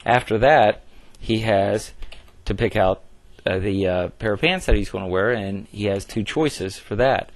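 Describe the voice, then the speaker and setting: A man with a lowish voice and measured pace teaches a recorded math lesson. He explains each step plainly, often using fillers and restarting his sentences.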